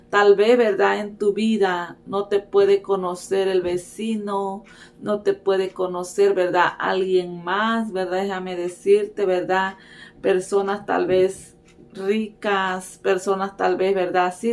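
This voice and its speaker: A woman's voice: medium pitch, a little mellow. Earnest woman preacher giving a sermon. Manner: repeats "¿verdad?" as a filler, earnest exhortation.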